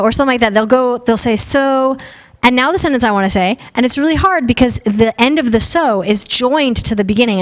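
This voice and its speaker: Loud, chatty woman speaker. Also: fairly high pitch. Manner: loud, talkative, lots of fillers. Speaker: conference speaker on podcasting. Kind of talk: casual live talk. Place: conference room with a live audience.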